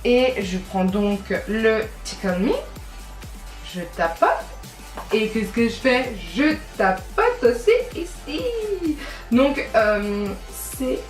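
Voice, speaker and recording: A woman's voice: a little high, recorded from a distance. A woman from France talks through a makeup tutorial in a loose, chatty way, full of fillers and self-corrections. She sits a little back from the mic in a roomy, echoing space. Faint music plays underneath. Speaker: beauty vlogger. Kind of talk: casual makeup tutorial chat. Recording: echoey room, voice a bit off-mic, faint music.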